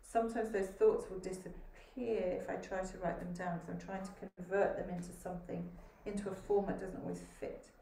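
A woman panelist on a video call giving a calm, thoughtful answer. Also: lowish voice, brisk, few pauses. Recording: distant echoey room, faint noise.

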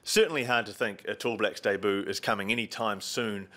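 A man's voice: on the low side, steady tone, brisk, bright, forceful tone. A man in his thirties with a New Zealand accent, presenting and interviewing conversationally as a sports host. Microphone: desk microphone close in front, video call.

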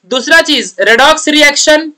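A man's voice: very high voice, lively intonation, normal speed, pushed and bright. Chatty, teasing young Indian man tutor. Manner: chatty, teasing, laughs often. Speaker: online tutor. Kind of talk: casual teaching rant.

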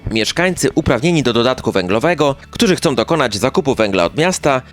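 Man narrating local news, lively intonation, over music. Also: medium pitch. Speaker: newsreel narrator. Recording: music bed under voice. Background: background music.

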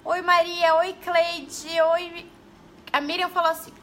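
A woman's voice: very high voice, little pitch movement, a little slow, fairly bright tone. A young woman with a Brazilian Portuguese accent, an early-literacy educator giving chatty tips in a casual live stream. She greets viewers and tags her sentences with questions.

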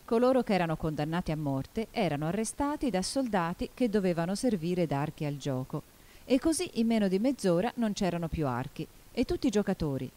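Woman reading a kids story, lowish warm voice. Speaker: audiobook reader. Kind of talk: storybook narration.

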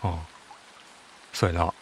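A man's voice: a little slow, slight background noise. A man with a Kansai accent giving casual let's-play commentary on a horror game, making teasing asides. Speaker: game streamer.

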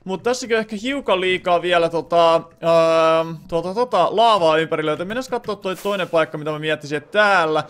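A young Finnish man talking through a game session out loud, thinking aloud with lots of filler sounds. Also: on the high side, hardly any pauses, smooth. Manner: bursts into loud excited shouting. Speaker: gaming channel host. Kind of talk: Let's Play commentary.

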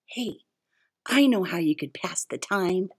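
A woman's voice: lowish voice, lively intonation, measured pace, breathy edge, full character voice. A woman voicing a sly secret librarian who slips people the right book. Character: sly helpful secret librarian heroine in disguise.

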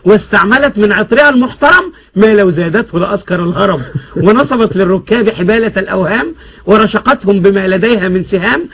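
A man's voice: sits high, quick pace, fairly bright tone, husky. A man reciting comic rhymed classical prose in a rhythmic, declaiming manner.

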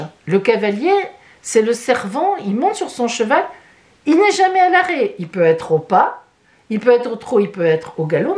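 A woman giving a monthly tarot reading, emphatic and chatty, often adding "hein" as she explains each card. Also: mid-range voice. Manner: animated, emphatic, with many "hein" asides. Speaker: tarot reader.

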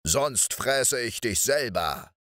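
A man voicing a huge, gruff, man-eating giant in a storybook fairy tale, with a slow, menacing growl. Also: medium pitch, lively intonation, bright, forceful tone, no room sound, studio quality. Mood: angry.

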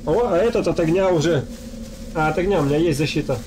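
A man's voice: on the high side, fast talker. A man giving casual game commentary, half talking to himself and half to viewers as he plays. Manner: muttering to himself while playing, addressing viewers. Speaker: gamer, let's play host. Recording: noisy, game sound behind voice.

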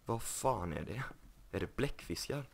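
A man's voice: mid-range voice, lively intonation, vocal fry, slight background noise. A young man casually commenting on his game, joking and mocking himself. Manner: joking, self-mocking, puts on silly voices. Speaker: gaming YouTuber. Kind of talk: casual Let's Play commentary.

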